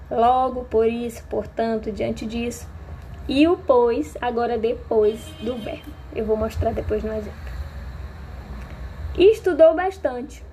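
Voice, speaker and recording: A woman's voice: sits high, mellow, slight background noise, low-quality recording. A woman teacher from Maranhão, Brazil, explaining a grammar lesson patiently to her students.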